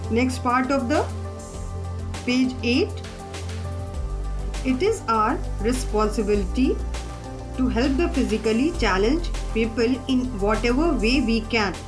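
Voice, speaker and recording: A woman's voice: on the high side, lively intonation, a little slow, long pauses, over music, rough recording. A woman teacher, giving a classroom lesson from the textbook, repeating her points and spelling out words.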